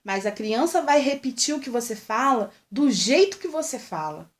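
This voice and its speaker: A woman's voice: sits high, lively intonation, moderate pace. A young woman with a Brazilian accent talks straight to mothers, earnest and repetitive as she pleads with them. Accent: Brazilian Portuguese. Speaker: vlogger. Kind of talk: heartfelt direct-to-camera talk.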